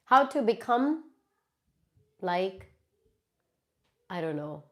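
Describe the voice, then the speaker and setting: A woman from India, stuffed up from a cold, chats with viewers in a live YouTube Q&A on her phone, answering comments after reading them aloud. Very animated and fairly bright in tone, she speaks at a medium pitch and draws out her words.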